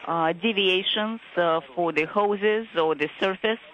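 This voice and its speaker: A crew member calling out terse procedural reports over a crackly space-to-ground radio link, halting with fillers. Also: medium pitch, lo-fi sound. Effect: crackly space-to-ground radio transmission. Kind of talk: clipped radio procedure calls.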